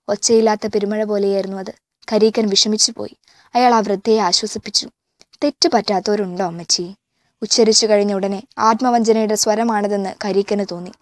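A woman reading a novel aloud in a measured, even way, now and then stopping to correct a slip. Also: mid-range voice, no room sound, studio quality. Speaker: audiobook reader.

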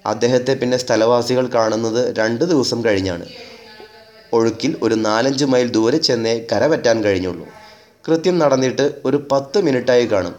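Measured, wry male storyteller. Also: medium pitch, a little mellow. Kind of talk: dramatic story reading.

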